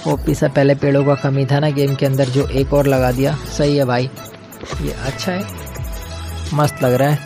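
A man's voice: mid-range voice, flat delivery, moderate pace, music in the background. A young man giving casual, slangy commentary over his own gameplay as a gaming channel host, chatting to viewers like friends. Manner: chatty, slangy, keeps calling viewers brother.

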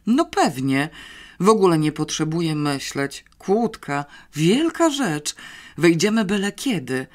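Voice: medium pitch, very animated, unhurried. An audiobook reader voicing an offhand, cocky young schoolboy with a dismissive, boyish way of talking, in a somewhat raised voice.

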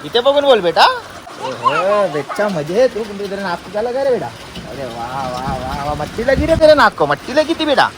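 A man vlogging outdoors in a village in the rain, talking chattily and excitedly to his viewers and calling out to family members. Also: high-pitched, normal speed, crowd noise, low-quality recording. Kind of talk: casual vlog narration to viewers. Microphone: handheld phone. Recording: loud rain noise outdoors.

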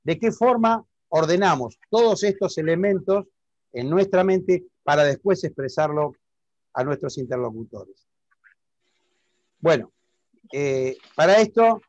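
A man's voice: a little high, darkish tone, dry recording, dull audio. A man with an Argentine accent teaching public speaking in an online lesson, explaining step by step and often checking that the listener understands. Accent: Argentine Spanish.

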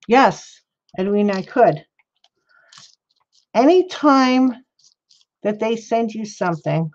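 Her voice is mid-range with a darkish tone as she chats casually to livestream viewers during a craft project. She rambles, answers chat by name, and the stream audio is slightly dull and lo-fi.

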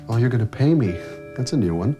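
A man's voice: medium pitch, animated, fast, music in the background, natural voice. An actor playing an awkward young man, flustered and given to dry comebacks, in film dialogue.

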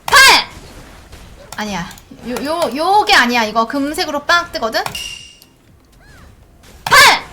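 A woman streaming a game, giving live gameplay commentary in an excitable way, pleading and groaning at each roll. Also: high voice, moderate pace, few pauses, heavy background noise.

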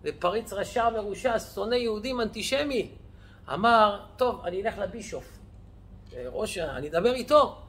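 A male rabbi telling stories in a lesson, lively, acting out the characters' voices. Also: sits high. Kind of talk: storytelling lesson.

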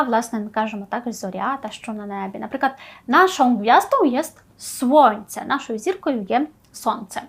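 A woman with a high voice teaches an online language lesson. She explains each word, gives an example sentence with its translation, and keeps checking in with a quick questioning "tak?".

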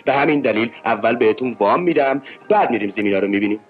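Actor as a joking bank manager, mid-pitched, tinny old film audio with music. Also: male voice, lively intonation, lightly acted. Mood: playful. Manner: teasing, joking, flirtatious.

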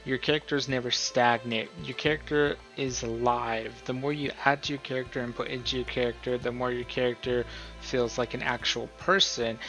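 A man with a mid-range, sharp-toned voice hosts a casual tutorial, talking informally and rambling a bit. He provides voice-over for a screen recording.

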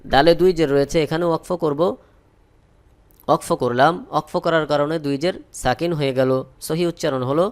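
A man with a Bangladeshi Bengali accent teaching Quran reading, spelling out each letter and vowel mark, then chanting the verses slowly. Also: fairly high pitch, steady tone, smooth. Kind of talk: slow spelled-out Quran recitation lesson.

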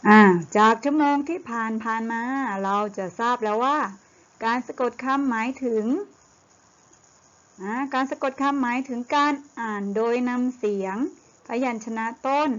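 Patient woman teacher, slightly high voice. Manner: slow, patient, with many fillers. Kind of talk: online primary school lesson. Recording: muffled lo-fi audio.

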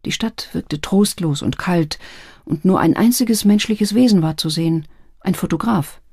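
A woman narrating an audiobook in calm, scripted storytelling. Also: lowish voice, moderate pace, slightly rough, no echo. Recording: dry close studio sound.

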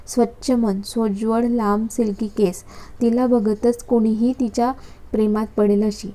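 A woman narrating a story in a steady, even reading style. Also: fairly high pitch.

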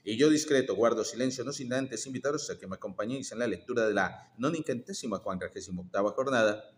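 Brief: male reader, measured storyteller, mid-pitched voice. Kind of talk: reading a story aloud.

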